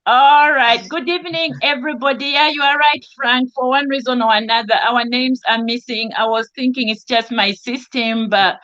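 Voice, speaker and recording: An earnest woman from Zambia speaks in a fairly high voice, often restarting her sentences and filling gaps. She is calling in from home over a video link. The audio is dull and lo-fi. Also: fairly even intonation, normal speed, few pauses, pushed and bright. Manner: earnest, with frequent restarts and fillers. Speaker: caller on an online discussion. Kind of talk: casual spoken testimony.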